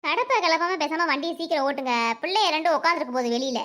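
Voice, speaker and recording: A woman voicing a bossy, sharp-tongued village wife in a cartoon, with a Madurai Tamil accent and a shrill, pushed-up voice. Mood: scolding. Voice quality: shrill, pitched way up. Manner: nagging, quick comebacks. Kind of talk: cartoon voice acting.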